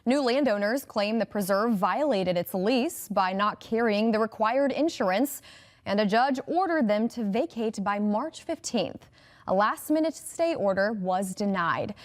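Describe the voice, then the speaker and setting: A woman anchoring a local TV newscast, reading scripted stories with a brisk, upbeat delivery. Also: medium pitch, expressive. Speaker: news anchor.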